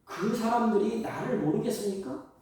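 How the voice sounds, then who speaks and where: A man pastor preaching a Sunday sermon, theatrical, jumping between loud exclamations and hushed asides and slowing down to act out quoted dialogue. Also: high voice. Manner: acts out quoted dialogue in slowed, drawn-out lines. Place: church sanctuary. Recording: very echoey church hall, mic far off.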